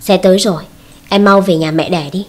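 A woman's voice: lowish voice, fairly even intonation, fairly quick, lightly acted. A woman voicing a stern husband who speaks coldly and firmly to his wife in a storybook reading. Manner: cold, firm. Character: stern, cold husband ending his marriage.

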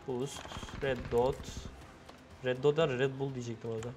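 A man giving chatty, excitable live commentary on his own gameplay, laughing often, on a gaming headset. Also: medium pitch, moderate pace, slight background noise. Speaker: guest gamer.

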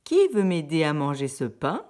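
A woman voicing a hardworking little red hen in a storybook reading, with high, emphatic exclamations. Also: wildly swooping pitch, moderate pace, a little mellow. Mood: determined.

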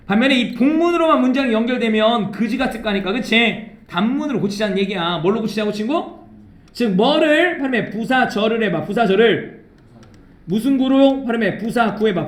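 A man's voice: very high-pitched, reverberant. A man teaching English grammar in a lecture, drilling students with repeat-after-me prompts and checking their understanding again and again. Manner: keeps checking understanding with tag questions.

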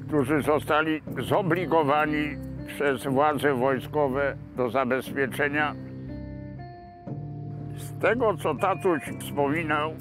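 A man in his seventies from Poland, recounting local history to camera outdoors in a park in a measured, pausing manner. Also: on the high side. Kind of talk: unscripted reminiscence to camera.

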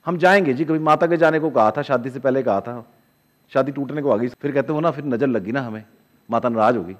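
A man teaching in a casual lecture to camera, animated, acting out inner voices in asides. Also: a little fast. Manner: animated, acts out inner voices with sudden drops in pitch and loudness. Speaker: spiritual teacher.

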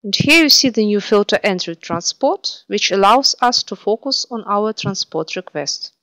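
Woman, screencast narrator, even instructional read, dry close mic. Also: medium pitch, normal speed, no room sound, poor audio. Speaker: software tutorial presenter.

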